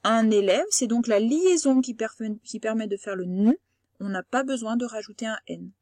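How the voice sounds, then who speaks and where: Une femme institutrice à l'français qui fait une leçon à distance pour de jeunes élèves, patiente, répétant et détachant les mots. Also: female voice, on the high side, dark tone, dry recording, clean studio sound. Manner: patient, explains slowly and repeats words. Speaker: primary school teacher. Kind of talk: remote lesson for young pupils.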